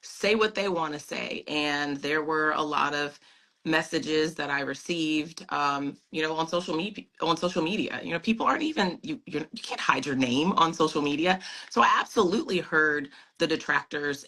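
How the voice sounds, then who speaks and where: A woman's voice: low voice, normal speed, pushed and bright, low-quality recording. A woman guest on a video call, telling her story in an earnest, emphatic and reflective way. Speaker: pageant titleholder guest. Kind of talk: storytelling in an interview.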